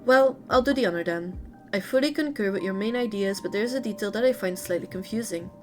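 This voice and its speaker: Woman reading a formal, polite committee chair; mid pitch, faint music. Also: quick pace, lightly acted. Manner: formal, courteous.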